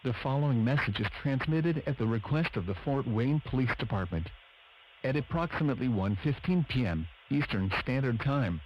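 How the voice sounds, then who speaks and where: A weather radio broadcaster, male and medium-pitched, reads formal scripted announcements in a flat, synthetic-sounding voice. The audio is lo-fi, with background noise.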